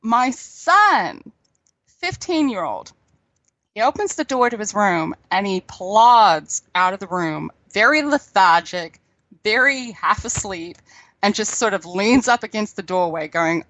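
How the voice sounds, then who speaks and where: A woman's voice: medium pitch, animated, measured pace, a bit bright, no echo. A middle-aged woman from New Zealand with a New Zealand accent, a scientist guest chatting casually on a radio interview and laughing often.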